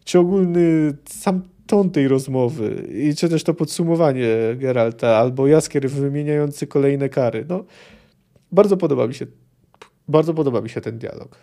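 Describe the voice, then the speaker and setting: Male podcast host, darker tone, slightly higher pitch, chatty book-review delivery with fillers. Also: normal speed, mellow. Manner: conversational, with fillers and self-corrections. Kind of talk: book review podcast with read-aloud quotes.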